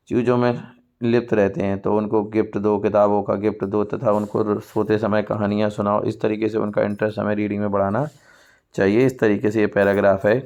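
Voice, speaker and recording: An Indian male English teacher speaks in a low, steady voice that hardly rises or falls, clear and smooth. He reads English lines aloud slowly, then explains them in Hindi. The sound is a little dull and lo-fi. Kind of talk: exam-prep lesson.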